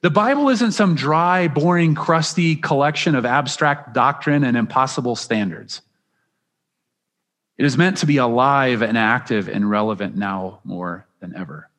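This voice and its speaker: A man's voice: mid-range voice, unhurried, a bit bright. A man preaching a sermon as pastor, earnest and emphatic, often restarting his phrases. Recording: long reverb of a large hall.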